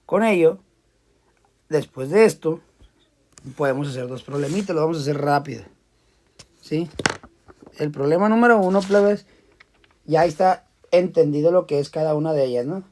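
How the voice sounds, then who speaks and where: Man, physics teacher, casual lecture, fairly high voice, repeats words while explaining. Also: normal speed, long pauses, darkish tone, slight background noise.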